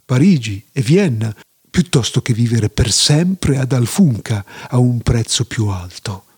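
A man's voice: medium pitch, animated, a little slow, warm tone, husky, voice pushed down. A man voicing a pompous, foolish male village elder who speaks with dismissive self-assurance.

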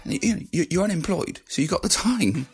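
A man with a croaky morning voice, talking casually and conversationally as a solo podcast host. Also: high-pitched, animated, quick pace, soft background music. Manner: conversational, rhetorical questions.

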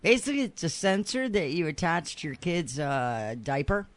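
A man's voice: a little high, big pitch swings, normal speed. A man hosting a casual radio talk show, joking and laughing as he describes apps. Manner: jokey, laughs while talking. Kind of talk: casual studio chat.

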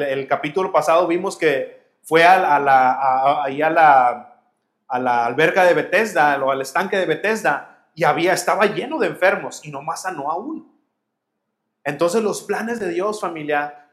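Male pastor, fairly high voice, preaching, rhetorical questions to the congregation. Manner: addresses listeners as family, asks rhetorical questions. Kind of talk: sermon.

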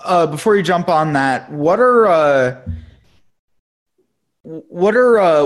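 A man interviewing casually, haltingly rephrasing his questions as he goes. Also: fairly high pitch.

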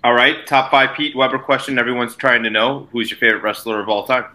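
Bro-y dude cohosting a podcast, bright voice, slangy sweary frat guy chat. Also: medium pitch, fairly even intonation, quick pace. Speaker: podcast co-host. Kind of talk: casual chat.

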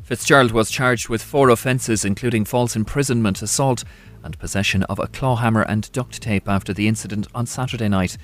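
An Irish man filing a news report, read in a measured, formal way. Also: lowish voice, fairly bright tone, faint music behind.

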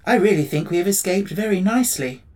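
A woman voicing a gentle, proud tin man in a storybook reading. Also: medium pitch, animated, quick pace, pitched above the performer's own voice, natural voice.

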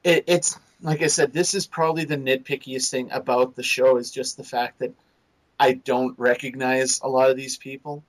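A man's voice: medium pitch, level tone, moderate pace, poor audio. A man co-hosting a casual podcast chat, rambling and restarting his sentences. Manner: rambling, restarts often, laughs while describing. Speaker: podcast co-host. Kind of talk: casual chat reviewing a cartoon series.

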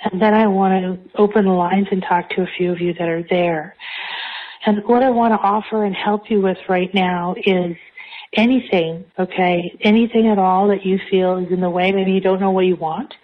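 A woman speaking as a spiritual coach, hosting a live group call and guiding listeners through meditation. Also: fairly low pitch. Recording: thin, phone-like call audio.

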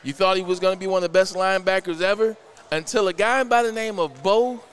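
A man hosting sports talk, announcing a top ten countdown with emphatic, drawn-out names and rankings. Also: high-pitched, fairly even intonation, fairly bright tone, smooth. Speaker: sports talk show host.

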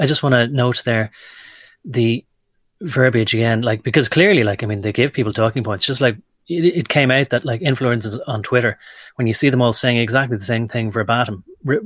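A man's voice: mid-range voice, fairly bright tone, dry recording, muffled recording. A man from Ireland co-hosting a political talk radio show, mocking his topic in a sarcastic, rambling way.

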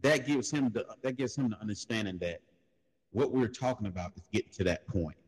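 In a relaxed panel conversation, an animated, brisk man spins stories and breaks into loud, high-pitched mocking voices whenever he quotes someone. The sound carries a long hall reverb.

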